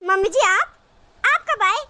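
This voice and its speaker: A polite, sweet-talking young cartoon daughter-in-law who greets her mother-in-law with surprise, as a woman voices her. Her voice is very high and brightly forceful. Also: animated, unhurried, full character voice. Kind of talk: cartoon voice acting.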